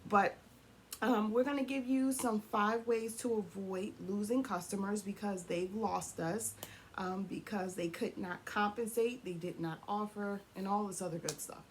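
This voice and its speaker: A woman co-hosting a casual couple's chat, hoarse from losing her voice, talking freely and clearing her throat. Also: medium pitch, measured pace, slight background noise. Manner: chatty, laughs often, clears throat. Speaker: co-host of a couple's channel.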